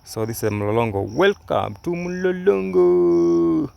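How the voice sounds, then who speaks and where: This young Kenyan man, a travel vlogger whose native tongue is Swahili, has a medium-pitched voice with vocal fry and speaks slowly but with lots of animation. The phone recording from a moving car sounds dull, and his explanatory commentary hesitates, with frequent fillers and restarts.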